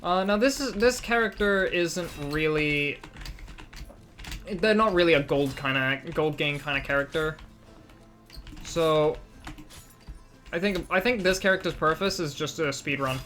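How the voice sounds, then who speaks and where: A woman's voice: sits low, a little slow, pauses often, a bit bright, faint music behind. Chatty woman streaming a game. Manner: chatty, self-mocking, trails off and restarts. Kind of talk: casual gameplay commentary, reading item text aloud.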